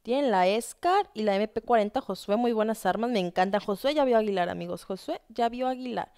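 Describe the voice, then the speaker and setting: Young woman, excitable game-tournament caster, high clear voice, dry close sound. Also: a little fast, no room sound. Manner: excitable, talks straight to viewers. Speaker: tournament commentator. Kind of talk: live video game commentary.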